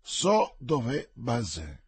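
A man's voice: a little high, big pitch swings, measured pace, breathy edge, pitched above the performer's own voice, heavily acted. A man reading aloud and voicing a cautious, sly male servant who talks in a plaintive, wary way.

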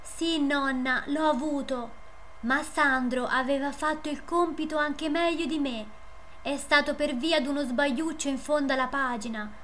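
Storybook girl, high and soft, shy and pleading, faint hiss behind as a woman plays her. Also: steady tone, a little slow. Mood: timid. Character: gentle timid little girl, generous and pleading.

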